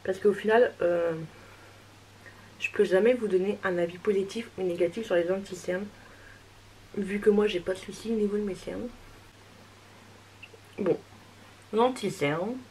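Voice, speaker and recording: A woman's voice: mid-range voice, slight background noise, poor audio. A young woman chatting casually as she tests makeup and reviews it, hesitant and reassuring. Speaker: beauty vlogger.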